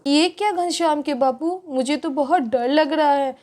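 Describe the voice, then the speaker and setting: A woman's voice: sits high, moderate pace, a little mellow, lightly acted. A woman voicing a stern older mother-in-law in a doll story, complaining and fussy. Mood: worried. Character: stern older mother-in-law who scolds her daughter-in-law.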